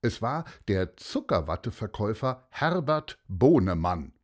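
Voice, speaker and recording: A man reading a children's story aloud in an expressive, unhurried way. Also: on the low side. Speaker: narrator.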